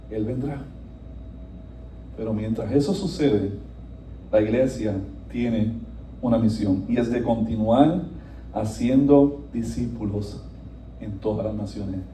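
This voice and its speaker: A male pastor preaching a sermon with animated delivery, swinging between soft passages and emphatic, rising lines. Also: lowish voice, slight background noise. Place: church sanctuary. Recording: echoey room, voice from a distance.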